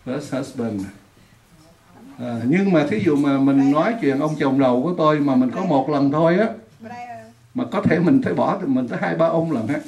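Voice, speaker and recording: A woman's voice: low voice, fairly quick, darkish tone, dull audio. A woman teaching an English lesson in a classroom, patiently repeating words for her students to drill. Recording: echoey room.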